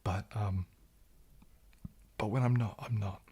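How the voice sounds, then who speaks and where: On his ASMR livestream, a man reads viewer comments and answers them in a polite, halting way, his fairly low voice hushed, breathy, and often half-whispered with a steady tone. His soft New Zealand accent can easily pass for British.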